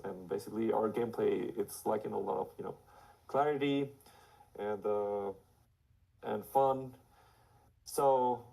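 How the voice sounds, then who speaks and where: A man speaks hoarsely, his voice raspy from illness, deep in fry and husky at the edges. His tone is dark and mellow as he rambles through a casual livestream explanation with many restarts. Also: low-quality recording. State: hoarse, sick. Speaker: studio director.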